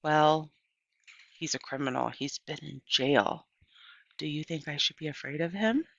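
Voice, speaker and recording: A woman reader plays an earnest young storybook girl, full of candid questions. She speaks slowly and politely, a little hesitant and worried. The recording is dry and slightly dull. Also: low voice, vocal fry, a bit bright, no echo, heavily acted.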